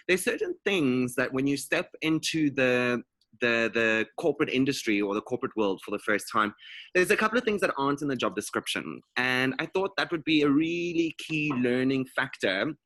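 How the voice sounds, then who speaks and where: A man's voice: mid-range voice, pushed and bright, no echo. A man from South Africa, a guest speaker giving a conversational career talk with frequent fillers and restarts.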